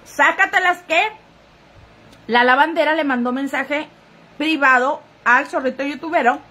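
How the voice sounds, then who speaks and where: A woman chats through a gossip live stream, addressing her viewers directly and reading their comments aloud. Her voice sits high, and she sounds a little sniffly. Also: measured pace, bright, forceful tone. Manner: chatty, talking straight to viewers. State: sniffly, runny nose.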